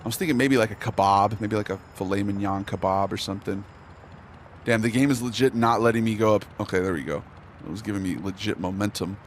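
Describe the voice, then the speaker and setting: A man's voice: fairly low pitch, fast talker. A man chatting casually and laid-back while live-streaming a game. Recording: game and car noise underneath.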